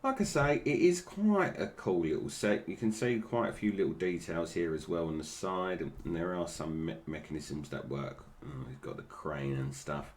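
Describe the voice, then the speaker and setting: Deep-voiced British man with toothless diction. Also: moderate pace, few pauses. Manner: toothless, slightly slurred articulation with stumbles over names. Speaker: toy review host. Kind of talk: casual unscripted product commentary.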